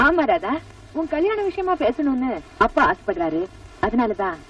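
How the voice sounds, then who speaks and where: A scheming middle-aged stepmother, sly and domineering, her voice high and lively. She sounds distant on a film soundtrack with music behind her. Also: normal speed, highs cut off. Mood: smooth. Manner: sly, pointed rhetorical questions. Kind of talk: Tamil film dialogue.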